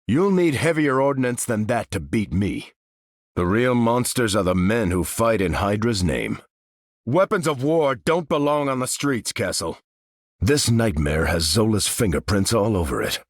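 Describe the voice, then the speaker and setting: In these video game voice lines, an American man plays Captain America as a steadfast veteran soldier and commanding leader, earnest and measured, speaking in military terms. His voice sits on the low side and swings widely in pitch at a measured pace. It's a dry, studio-quality recording.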